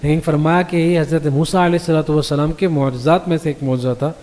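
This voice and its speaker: A man teaching a class on the Quran in a mosque. He reads each verse slowly, explains it, and keeps checking that his listeners follow. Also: fairly high pitch, fairly even intonation, darkish tone. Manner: recites the Arabic verses slowly before translating them. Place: mosque hall. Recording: long reverb of a mosque hall.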